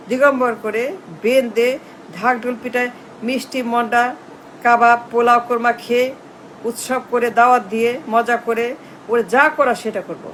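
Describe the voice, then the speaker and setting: A woman delivers a political rant straight to camera, hammering the same accusing question again and again in a scornful tone. Her voice sits high and she speaks slowly, leaning on each phrase. A faint air-conditioner hum runs underneath. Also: rough recording. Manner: emphatic, repetitive rhetorical questioning. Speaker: political commentator.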